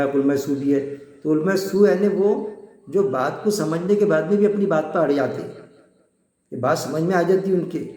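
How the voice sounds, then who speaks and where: A man's voice: on the high side, dark tone, reverberant. A man giving an informal religious lesson, talking conversationally, repeating his points and using everyday examples. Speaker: Quran teacher.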